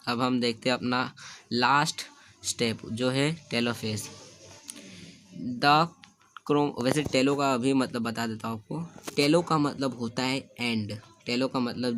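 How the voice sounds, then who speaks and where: A man at an ordinary middle pitch teaches a school science lesson in a loose, conversational way. He circles back to restate each point and often breaks off to correct himself. When he reads a textbook sentence, he slows down and takes it word by word. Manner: keeps rephrasing and restating, with frequent self-corrections. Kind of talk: casual explanatory lesson.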